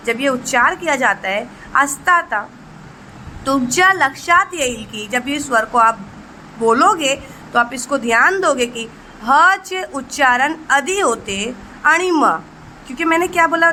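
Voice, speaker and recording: High bright-voiced woman teacher. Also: animated, measured pace, slight background noise, poor audio. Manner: asks rhetorical questions and answers them herself; mixes Marathi terms with Hindi explanations. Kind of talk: exam-prep lesson.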